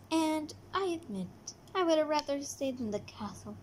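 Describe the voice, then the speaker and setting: A woman voicing a regretful young princess in jail in a toy doll play, speaking softly and wistfully with sighs. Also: sits high, expressive, a little slow, slight background noise. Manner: soft, sighing, wistful.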